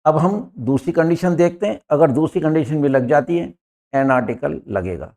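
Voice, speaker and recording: A man's voice: fairly high pitch, animated, moderate pace, a little mellow. A man teaching English grammar, explaining step by step, repeating each point and addressing viewers as friends. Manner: points at words on a board as he explains. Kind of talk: explanatory lesson.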